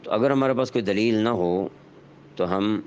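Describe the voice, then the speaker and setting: A man giving a religious lesson, explaining step by step in a measured way, pausing often with fillers. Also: lowish voice, darkish tone. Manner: measured explanatory delivery with frequent hesitation fillers. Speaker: Islamic teacher. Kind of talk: religious lecture. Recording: dull lo-fi sound with faint noise.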